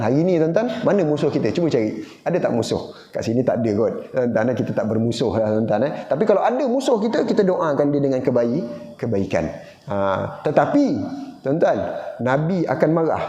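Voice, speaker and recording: A man's voice: medium pitch, big pitch swings, brisk, mellow. A man with a Johor Malay accent giving an evening lecture in a mosque. He tells stories, keeps calling out to the congregation and acts out the voices in them. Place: mosque hall. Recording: echoey hall, dull lo-fi sound.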